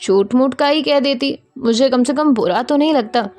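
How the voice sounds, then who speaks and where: A woman's voice: high voice, normal speed, darkish tone, close to an everyday voice. A woman voicing a playful, cheeky young woman who teases her friends. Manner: teasing, joking.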